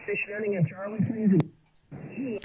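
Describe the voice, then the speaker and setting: A man's voice: high-pitched, level tone, slow pace, a little mellow, husky. A man making ham radio calls from a park over a shortwave radio, in clipped call phrasing with the phonetic alphabet. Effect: heard through a shortwave radio receiver. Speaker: amateur radio operator calling from a park. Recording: tinny radio reception with static.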